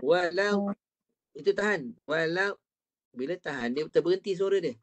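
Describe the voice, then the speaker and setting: Man, Malaysian Malay accent, Quran recitation teacher, slightly high voice, patient, video call. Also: animated, quick pace. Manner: patient, models syllables and has the student repeat them. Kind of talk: online Quran reading class.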